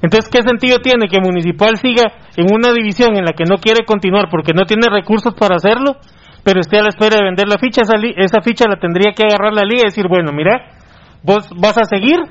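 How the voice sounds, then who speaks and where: A man's voice: high voice, fast. A man on sports radio, explaining a proposal step by step and acting out little dialogues. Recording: dull radio broadcast sound.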